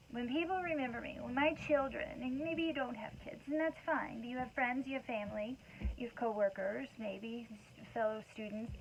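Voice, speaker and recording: Gravelly woman giving a casual motivational talk. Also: a little high. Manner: rambling and conversational, many asides. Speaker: mother; wellness talk host. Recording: dull lo-fi sound with faint background noise.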